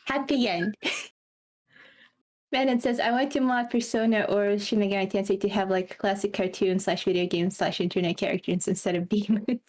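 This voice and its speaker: A woman's voice: mid-range voice, fairly even intonation, normal speed, darkish tone. A woman chatting casually on a stream, reading her chat aloud and rambling with frequent laughter.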